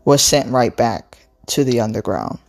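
A woman reading a novel aloud in a slow, expressive storytelling way. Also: rumbling low, gravelly, faint music behind. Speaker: book reader.

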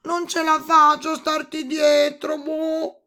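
A woman voicing a big, cheeky male toad who croaks between his words in a storybook reading. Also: high-pitched, slow, pitched above the performer's own voice. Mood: insistent. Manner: breaks lines with a croaking "boh".

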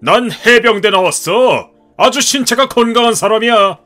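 A man voicing a gruff, hot-tempered ex-marine father in his fifties who scolds and shouts in a cartoon story. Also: high-pitched, animated, normal speed, soft background music. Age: 50s.

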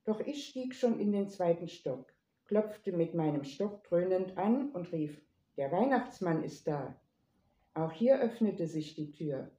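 A woman narrating a first-person story in a lively, playful manner, in an echoey room. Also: fairly low pitch, unhurried. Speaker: reader.

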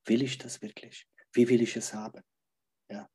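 A man's voice: medium pitch, little pitch movement, moderate pace, warm tone, slight background noise. A man talking as a podcast guest, emphatic, repeating key phrases and checking in with "ja?" again and again. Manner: emphatic, keeps asking "ja?" to check in. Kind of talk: podcast conversation.

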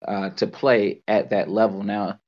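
A man co-hosting a casual sports podcast, explaining things earnestly with frequent halting restarts. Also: fairly low pitch, flat delivery. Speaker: podcast co-host. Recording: muffled lo-fi podcast audio.

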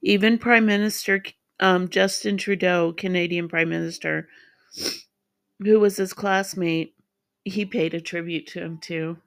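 A middle-aged woman hosting her own podcast, speaking in a halting, heartfelt way as she gets emotional. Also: on the low side, steady tone, gravelly. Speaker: podcast host. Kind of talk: emotional solo podcast tribute.

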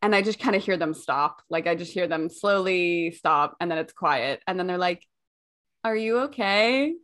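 A woman's voice: on the low side, steady tone, moderate pace, fairly bright tone. Hungover young woman podcaster. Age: young adult. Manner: candid, self-mocking storyteller; casual, swears freely. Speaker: podcast co-host. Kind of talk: casual podcast chat.

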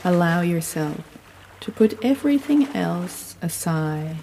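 A woman giving soothing, unhurried sleep story narration, gently guiding the listener through relaxation. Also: fairly low pitch, animated, creaky. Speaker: guided sleep meditation narrator. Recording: long reverb, audible background noise.

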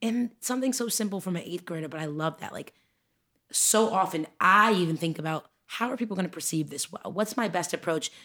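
A young woman co-hosting a podcast, talking in a casual, animated way and often laughing as she tells stories. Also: lowish voice, a little fast. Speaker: podcast co-host. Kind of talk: casual chat.

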